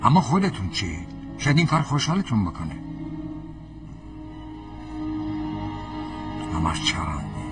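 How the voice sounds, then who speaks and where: A man dubbing a young ex-soldier mechanic who cannot stand injustice, speaking in an earnest manner that flares quickly into anger. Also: fairly low pitch, big pitch swings, over music. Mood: sober. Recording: distant voice over film score.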